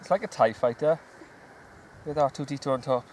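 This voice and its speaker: A man's voice: medium pitch, a little fast, darkish tone, low-quality recording. A man, chatting upbeat on a lakeside bank as he films a day of fishing and talks with a young boy. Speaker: angler filming a fishing day. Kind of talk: casual outdoor commentary. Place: grassy lakeside bank outdoors. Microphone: handheld camera, sometimes held at arm's length. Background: wind noise.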